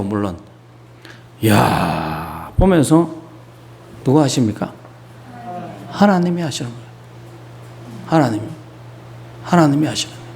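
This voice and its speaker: A man preaching a sermon as pastor, talking conversationally with asides and rhetorical questions. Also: sits high. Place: church in Beijing.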